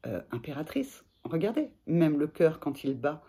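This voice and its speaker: A woman coach giving gentle, hesitant advice to camera, with many pauses and fillers. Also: deep voice, very animated, husky. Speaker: sophrologist and life coach. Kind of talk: casual advice talk to camera.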